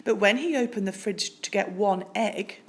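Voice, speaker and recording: A woman reads a children's storybook aloud, narrating expressively with deliberate, dramatic phrasing in a mid-range voice.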